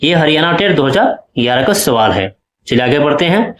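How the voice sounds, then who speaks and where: A man's voice: on the high side, animated, brisk, a bit bright, echoey room. A male teacher explaining exam questions step by step and often checking that his students follow. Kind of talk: exam-prep lesson.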